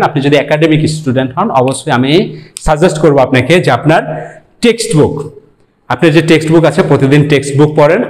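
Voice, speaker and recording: A man from Bangladesh, an English teacher giving a lecture, talking in a relaxed way, mixing in English words and asking rhetorical questions. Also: a little high. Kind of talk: explanatory lecture.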